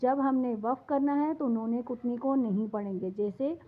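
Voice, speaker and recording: A woman with a Pakistani Urdu accent teaching a tajweed lesson, switching between brisk explanations and slow, drawn-out recited examples. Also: fairly high pitch. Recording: tinny phone-like lo-fi audio.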